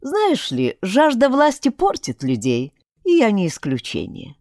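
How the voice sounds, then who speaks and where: A courtly male necromancer villain, voiced by a woman reading an audiobook, polite and regretful on the surface while he threatens. The voice is mellow and dark in tone, set in a dry, close recording. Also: mid-range voice, wildly swooping pitch, a little slow, dry recording, pitched above the performer's own voice. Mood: genial menace. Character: genial scheming male necromancer prince, villain. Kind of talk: audiobook character voicing.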